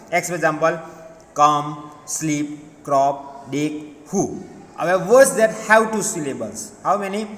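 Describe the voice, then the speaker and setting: A male teacher with an Indian English accent, explaining a grammar lesson and switching between Hindi and English as he repeats each word clearly. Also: high-pitched, fairly bright tone. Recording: echoey room with long reverb.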